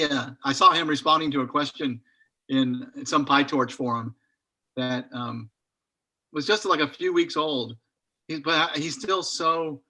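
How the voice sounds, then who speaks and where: A man's voice: mid-range voice, pushed and bright. A man chatting casually in an online study group over a video call, rambling a little and thinking aloud as he goes.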